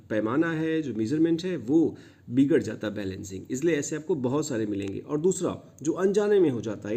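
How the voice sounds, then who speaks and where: A man teaching a poem line by line, explaining to students and slowly quoting English words. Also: a little high, warm tone. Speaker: literature teacher.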